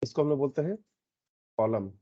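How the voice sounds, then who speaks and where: A man teaching a programming lesson, explaining step by step and often checking in with a quick "okay". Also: mid-range voice, lively intonation, slightly rough, lo-fi sound. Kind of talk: screen-recorded coding lesson.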